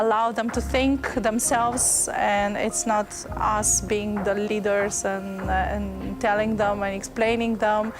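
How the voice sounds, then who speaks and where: A female teacher speaking encouragingly in a video testimonial. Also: mid-range voice.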